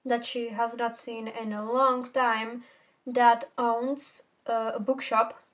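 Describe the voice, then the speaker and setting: In a casual book review, a Czech-native teen vlogger rambles and self-corrects, dropping the occasional swear word. She speaks slowly, with a voice on the high side and little pitch movement.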